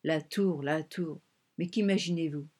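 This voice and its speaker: A woman reading an audiobook voices a proud, domineering male strongman, curt and scornful, sometimes dropping to a breathless hush. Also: on the high side, unhurried. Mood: angry.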